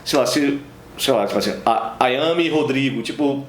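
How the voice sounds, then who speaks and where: A man's voice: mid-range voice, normal speed, reverberant. A man with a Bahian Portuguese accent, an interview guest, rambling through anecdotes with many fillers and restarts. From Brazil, Bahia. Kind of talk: casual interview chat.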